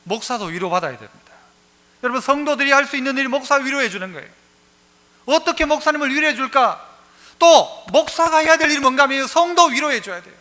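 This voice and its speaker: A man with a very high, bright and forceful voice delivers a Sunday sermon in a church. He tells stories in a lively way and keeps putting questions to the congregation. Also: fast. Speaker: pastor. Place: church sanctuary.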